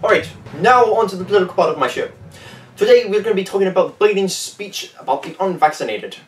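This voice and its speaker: Deadpan man hosting mock news. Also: sits high, quick pace. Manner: deadpan, dry sarcastic asides. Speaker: host of a parody news show. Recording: echoey room, mic at a distance, faint music.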